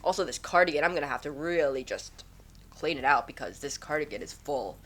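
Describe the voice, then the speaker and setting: Her voice sits low, animated and fairly quick, with a fairly bright tone and a little hiss or hum in the background. She's a woman hosting a podcast from home, chatting and rambling casually while her stuffy nose makes her sound nasal.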